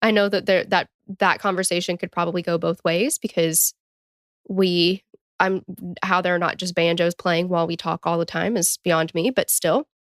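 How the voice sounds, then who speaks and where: A woman's voice: on the low side, little pitch movement, moderate pace, no room sound, studio quality. A woman co-hosting a casual true-crime podcast, joking and teasing between reading case background. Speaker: podcast co-host.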